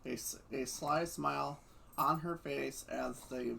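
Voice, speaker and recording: A man's voice: medium pitch, steady tone, slow pace, creaky, pushed and bright, slight background noise. Stumbling, stuttering male fanfic reader. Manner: stumbling, stuttering, breaking into laughs. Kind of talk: casual reading aloud.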